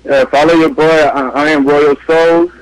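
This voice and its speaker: A man with a slightly high-pitched voice calls in to a radio show. He chats loosely and casually, leaning on slang like bro, man and you know. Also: fairly even intonation, moderate pace, clear, resonant tone, no echo, low-quality recording. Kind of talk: casual chat.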